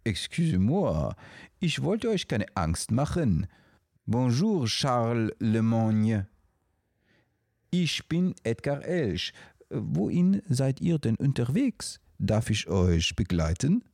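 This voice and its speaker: A man's voice: on the low side, slow pace, a little mellow, dry recording, studio quality. A man voicing a courtly French-phrased moose. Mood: polite. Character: big dark male moose, polite and playful.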